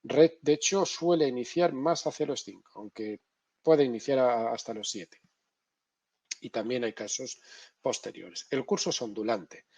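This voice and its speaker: A middle-aged man lecturing in a masterclass, animated and emphatic, often checking in with his listeners. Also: mid-range voice, a little slow, slightly rough, no echo, dull audio. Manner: animated, emphatic, tag questions. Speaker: neuropsychology lecturer.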